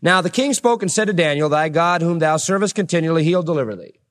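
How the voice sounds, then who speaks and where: A man's voice: fairly high pitch, expressive. A man preaching a sermon, reading scripture aloud with dramatic rising emphasis and plain asides in between. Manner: reads verses with dramatic slowing and rising voice, then chats plainly.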